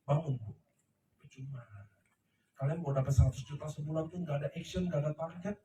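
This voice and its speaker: A man's voice: a little high, fairly even intonation, fairly quick, dark tone, far from the mic, slight background noise. A middle-aged man giving an emphatic, preachy motivational talk to a seated audience, often checking that they understand. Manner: emphatic, preachy, asks the crowd "ngerti ya?". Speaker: company leader speaking to his team. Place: large room before a seated audience. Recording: echoey room, voice off-mic.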